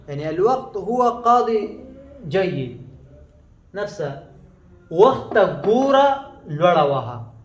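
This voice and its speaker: A man from Afghanistan whose first language is Pashto, explaining proverbs in a lesson, slow and halting with many pauses and fillers. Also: a little high. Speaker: language teacher. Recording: echoey room.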